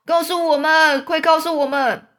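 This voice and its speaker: A woman voicing a crowd of panicky bug companions in a children's story, shrill and demanding. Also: expressive, unhurried, bright, forceful tone, heavily acted. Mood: frantic. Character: frantic bug companions shouting in chorus.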